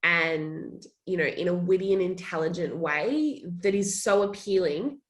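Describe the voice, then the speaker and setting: A woman's voice: on the low side, a little slow. A young woman from Australia, a social media manager, chatting in a casual interview and laughing often.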